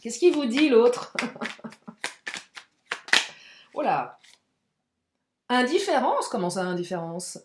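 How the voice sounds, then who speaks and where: A woman giving a casual, chatty tarot card reading to her viewers, expressive and frank, with frequent exclamations. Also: fairly high pitch, slow pace, pauses often, echoey room, a little hiss or hum. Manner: frank and outspoken. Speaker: tarot and oracle card reader.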